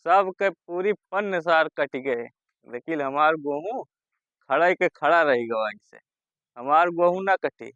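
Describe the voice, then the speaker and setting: A high-voiced man acting as a village drunkard husband with an Awadhi accent rants in a rural comedy skit. He is bossy and threatening, scolding over and over, on a dull, dry recording. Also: lively intonation, slow, a bit bright, dry recording. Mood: grumbling.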